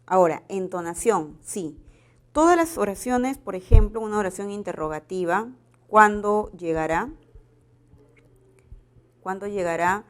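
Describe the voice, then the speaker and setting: A woman teaching a grammar lesson with a Peruvian Spanish accent, explaining exam answers step by step and checking in with the students. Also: medium pitch.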